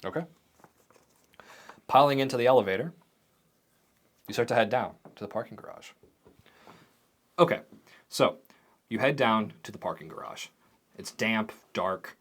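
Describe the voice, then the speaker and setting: A man running a tabletop game as game master, narrating the scenes in a vivid, animated way. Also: fairly low pitch.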